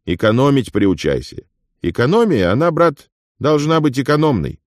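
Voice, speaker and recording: A man reading an audiobook and voicing a boisterous, talkative older male companion who lectures in a lively raised voice. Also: mid-range voice, moderate pace, no room sound, studio quality, pitched above the performer's own voice, lightly acted. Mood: lecturing. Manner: loud, lively, mentoring.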